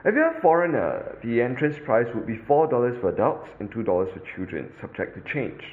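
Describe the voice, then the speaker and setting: Speaking briskly in a mid-range voice, a Singaporean English-accented podcast host narrates a scripted audio tour in a lively, instructive way, dropping in the odd filler. The audio is narrow and tinny, with slight background noise.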